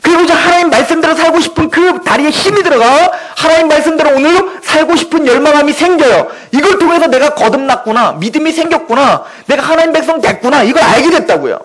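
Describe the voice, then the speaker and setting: High-pitched, lively male preacher. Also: fast talker, few pauses, rough recording. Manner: emphatic, full of rhetorical questions. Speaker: pastor. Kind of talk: sermon. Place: church.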